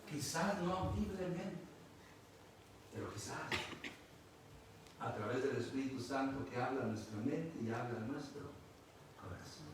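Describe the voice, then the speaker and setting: A man preaching a sermon. He swings from loud pleading calls to soft, hushed lines. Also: medium pitch, expressive, measured pace, pauses often. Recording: echoey room, mic at a distance, noisy.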